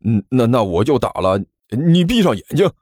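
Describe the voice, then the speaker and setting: A man voicing a bruised, grumpy older brother who scolds and stammers, with soft music behind. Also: medium pitch, sing-song, normal speed, no echo, studio quality. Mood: reluctant. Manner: scolding, exasperated, stammering when flustered.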